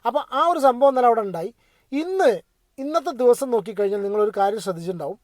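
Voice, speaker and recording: Guy ranting about a reality show, talks fast, keeps asking viewers what they think. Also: extremely high pitch, expressive, no room sound. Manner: chatty, addresses viewers directly, asks for their opinion. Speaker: reality-show commentator vlogger. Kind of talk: casual opinionated commentary.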